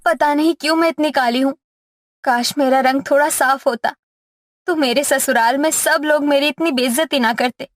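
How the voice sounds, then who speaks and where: A woman voicing a humble, gentle young wife in a cartoon story, speaking in a quick, tearful lament. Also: high-pitched, no echo, lightly acted. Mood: sorrowful.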